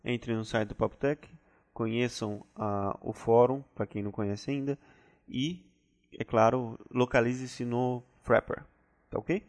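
A man with a Brazilian Portuguese accent hosting a podcast, relaxed and teasing with short replies. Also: medium pitch, measured pace, dry recording. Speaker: podcast host. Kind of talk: casual podcast chat.

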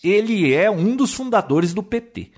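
Animated Brazilian man, lively pitch. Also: moderate pace, breathy edge. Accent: Brazilian Portuguese. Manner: animated, opinionated storytelling with many restarts. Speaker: podcast co-host. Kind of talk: casual chat.

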